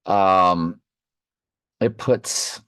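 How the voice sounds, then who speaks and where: Deep, slow man, mouth numb from the dentist. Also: fairly bright tone, clean tone, no room sound. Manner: slightly slurred speech. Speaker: online Bible study host. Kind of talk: informal Bible study, reading verses and commenting off the cuff.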